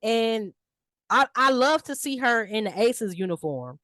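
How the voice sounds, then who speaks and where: Woman co-host, animated and slangy, dry close sound. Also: fairly high pitch, unhurried, no room sound. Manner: animated, slangy, playful voices for players. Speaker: podcast co-host. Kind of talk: casual sports chat.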